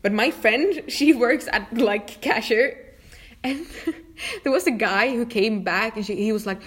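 A woman's voice: fairly high pitch, measured pace, a bit bright, breathy edge. Young woman telling rambling work stories. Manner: rambling storyteller with many restarts. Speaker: fast food worker. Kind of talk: casual chat.

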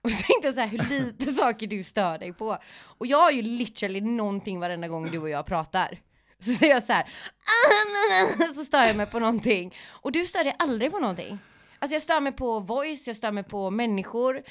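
A woman comedian chats on a podcast, her fairly high voice swinging widely as she tells her stories. She swears freely and laughs often. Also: animated. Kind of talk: casual chat.

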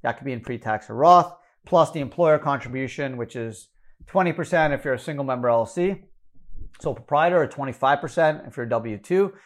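Canadian man walking through numbers. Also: medium pitch. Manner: brisk, number-heavy, self-correcting. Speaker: financial educator. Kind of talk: explanatory talk.

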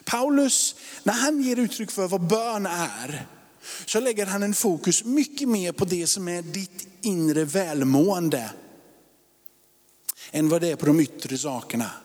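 A man's voice: high voice, expressive. Man preaching in a reverberant hall. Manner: swings from loud and emphatic to hushed whispers. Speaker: pastor. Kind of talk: sermon.

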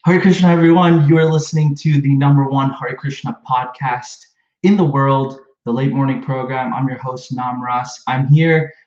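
A man's voice: medium pitch, fairly even intonation, normal speed, a little mellow. Man, podcast host, casual chatty manner, roomy echo, slightly muffled sound. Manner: chatty, many fillers and restarts. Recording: echoey room, slightly dull sound.

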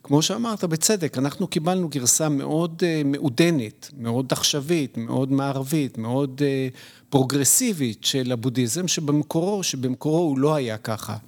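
Middle-aged guy on a podcast, mid pitch, slow careful lecturing, stops to hunt for words. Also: a little mellow. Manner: measured, lecturing, pauses to search for words. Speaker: podcast guest. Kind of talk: reflective conversational explanation.

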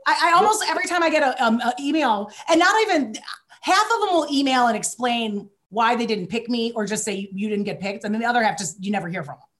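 Lady w a michigan accent, kinda high voice, super lively pitch, wry n candid, just chatting. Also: quick pace. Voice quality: loud. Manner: candid, wry, self-deprecating. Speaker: interview guest, voice actor. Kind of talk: casual chat.

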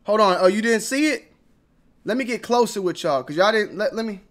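A young man vlogging about sneakers in slangy, repetitive casual talk that swings between mumbling and loud outbursts. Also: high-pitched, expressive, a little fast. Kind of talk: casual ranting commentary.

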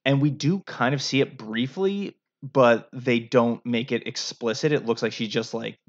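A man's voice: medium pitch, normal speed. A man from the United States co-hosting a podcast, chatting casually and rambling with lots of fillers and restarts, on a dull lo-fi recording. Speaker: podcast co-host. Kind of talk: casual chat. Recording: dull lo-fi sound.

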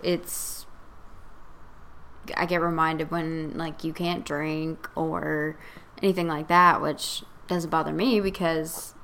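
A woman's voice: low-pitched, flat delivery, takes it slowly, gravelly, a bit bright, slight background noise. A woman hosting a casual podcast chat, talking in a hesitant, rambling way with many fillers. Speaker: podcast host.

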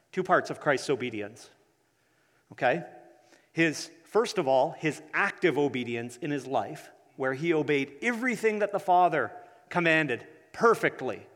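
A man preaching a teaching sermon, deliberate in delivery, repeating key phrases for the congregation. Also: medium pitch, fairly bright tone. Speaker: pastor preaching. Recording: long hall reverb.

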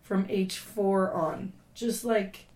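A hoarse woman who has lost her voice, co-hosting a casual podcast chat and rambling with many fillers. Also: mid-range voice, steady tone, slow pace, darkish tone, roomy sound. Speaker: podcast co-host.

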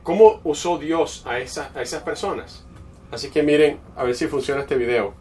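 A man's voice: on the high side, normal speed, darkish tone. A man preaching a sermon in a conversational storytelling way, often restarting his phrases. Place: church. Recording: distant mic with faint background noise.

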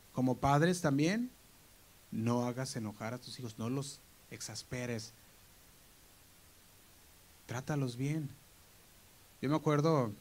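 Mexican man preaching, faint hiss. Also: mid-range voice. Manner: earnest, storytelling, quotes others in raised voice. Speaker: pastor. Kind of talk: sermon.

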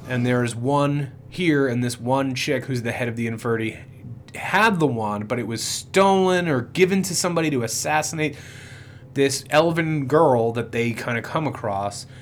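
A man's voice: mid-range voice, moderate pace. Male podcast co-host, casual and profane, faint hiss. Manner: rambling, profane, lots of fillers. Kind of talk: casual movie review chat.

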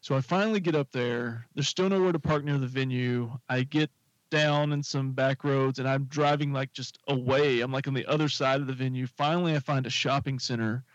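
A man spins a long, rambling story in a casual chat, with plenty of fillers and restarts. His voice sits at an ordinary middle pitch. The recording is dry and a little dull and lo-fi. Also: fairly quick, dry recording. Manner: rambling, animated anecdote with fillers. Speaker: podcast co-host telling a story.

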